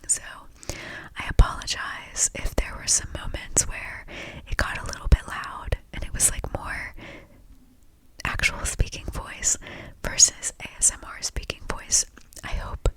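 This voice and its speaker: A woman speaking in a soft, breathy ASMR whisper, gently confiding in a casual, meandering stream of thought. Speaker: host of an ASMR podcast.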